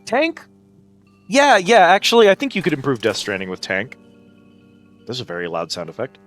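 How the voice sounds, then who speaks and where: A man's voice: on the low side, wildly swooping pitch, quick pace, a bit bright. A man chatting casually as he hosts a live game stream, with playful, exclamatory greetings to his viewers. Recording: music behind the voice.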